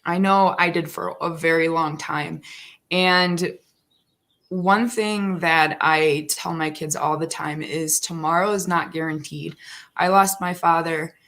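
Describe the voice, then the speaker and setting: A woman in her thirties with a rough morning voice, chatting casually and earnestly on a live stream. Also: deep voice, steady tone, slow pace, a bit bright. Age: 30s. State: morning frog voice. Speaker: livestream host.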